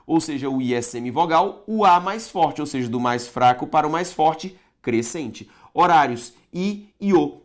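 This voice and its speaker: A man teaching a grammar lesson for exam prep, stretching out syllables and asking himself rhetorical questions. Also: fairly high pitch.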